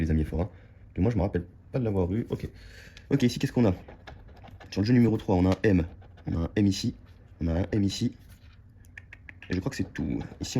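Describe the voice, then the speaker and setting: A man with a low, mellow voice talks his viewers through a scratch-card session in casual running commentary. He chats to them like friends and repeats each word as he checks it. A faint hiss of background noise sits under the close mic. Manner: chatty, addresses viewers as friends, repeats words while checking.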